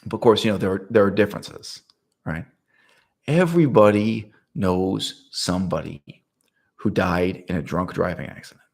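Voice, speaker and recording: A man talking through a political topic in a casual monologue, rhetorical and animated, often checking in with "right?" and laughing mid-sentence. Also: low voice, normal speed, creaky. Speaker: political commentator.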